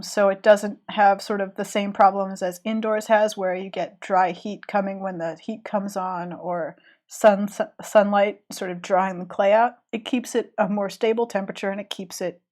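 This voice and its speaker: A slightly mellow, mid-range female voice. She has a cold and chats casually while drawing on a live stream, rambling and restarting as she goes.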